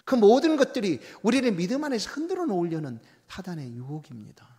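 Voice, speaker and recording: A male pastor preaches a sermon in a reverberant church hall. His voice sits fairly high, and his delivery swings between hushed, almost whispered phrases and loud, emphatic climaxes. He acts out quoted speech in a casual, conversational tone. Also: very animated, fast talker. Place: church sanctuary.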